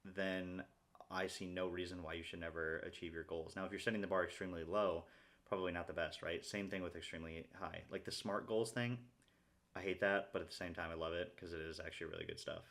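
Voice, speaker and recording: A man's voice: deep voice, fairly even intonation, quick pace, a bit bright. A young man talking casually to his viewers in a rambling monologue, often checking in with "right?". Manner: rambling, peppers sentences with "right?". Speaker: vlogger.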